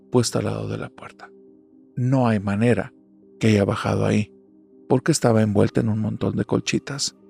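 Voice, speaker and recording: A man's voice: on the low side, creaky, a little mellow, breathy edge. A man narrating a horror story in a suspenseful, dramatic telling. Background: faint music.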